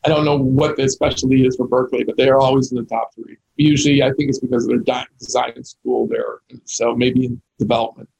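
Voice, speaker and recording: A middle-aged or older man chatting casually as an interview guest, with a gravelly, raspy voice. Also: mid-range voice, steady tone, fairly quick, hardly any pauses, darkish tone, lo-fi sound. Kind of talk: casual chat.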